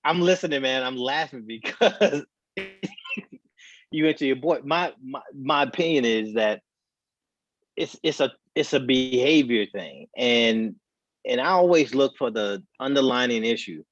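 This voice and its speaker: A man's voice: medium pitch, measured pace. A man co-hosting a casual talk show, his voice muffled as if heard through a wall, talking in earnest, heated bursts. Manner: earnest and heated, speaks in short restarting bursts. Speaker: podcast co-host. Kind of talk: casual opinionated chat. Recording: dull muffled remote call audio.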